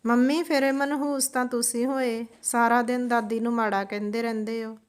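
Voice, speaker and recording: A woman's voice: fairly high pitch, level tone, normal speed, smooth, lightly acted. A woman voicing an innocent young boy who speaks earnestly and pleads. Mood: pleading.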